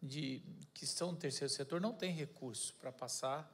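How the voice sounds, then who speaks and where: A man's voice: mid-range voice, normal speed, fairly bright tone, slightly rough. A man preaching a casual sermon, joking and correcting himself as he goes. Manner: chatty, jokey, self-correcting. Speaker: pastor.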